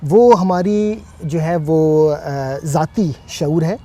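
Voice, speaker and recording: A man co-hosting a Bible teaching talk, speaking in a measured way with frequent hesitant fillers. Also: on the high side, mellow. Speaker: co-host.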